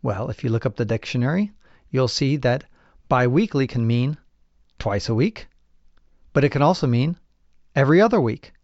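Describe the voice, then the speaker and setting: A man hosting a podcast, talking casually with animated, opinionated asides. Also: mid-range voice, normal speed, long pauses, no room sound, highs cut off. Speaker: podcast host.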